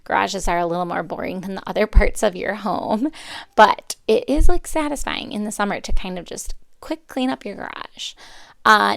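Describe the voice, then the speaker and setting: A woman's voice: medium pitch, gravelly, clean tone, no room sound. A woman in her thirties hosting a solo podcast, talking in a rambling, chatty way and often correcting herself. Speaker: podcast host. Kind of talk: casual solo podcast talk.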